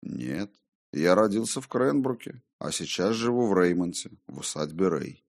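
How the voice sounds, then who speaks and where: A man voicing a ghostly male double, a conscience that speaks low, hushed, calm and taunting, in an audiobook. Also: moderate pace, creaky. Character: eerie whispering male double, his conscience. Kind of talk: audiobook character voice.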